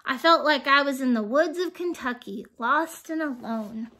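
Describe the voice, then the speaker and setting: Bright expressive woman reading to children. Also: sits high, normal speed. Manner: expressive, animated reading with asides to young listeners. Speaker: storybook reader. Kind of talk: children's storybook read-aloud.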